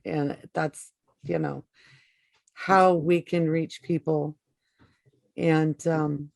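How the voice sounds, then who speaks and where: A woman hosting an interview, speaking in a gentle, affirming way. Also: low-pitched, fairly even intonation, very slow, creaky, no room sound. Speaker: podcast host.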